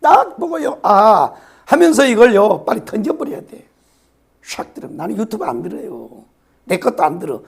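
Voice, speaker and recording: A hoarse man, preaching a sermon and repeating his phrases with emphasis, sometimes dropping to a whisper. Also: high-pitched, sing-song, moderate pace, darkish tone. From South Korea, Yeosu-Suncheon area. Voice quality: raspy. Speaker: pastor.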